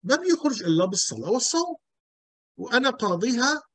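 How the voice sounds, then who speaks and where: A man's voice: very high voice, very animated, quick pace, dry recording. A male pastor, teaching an emphatic sermon full of rhetorical questions and repetition.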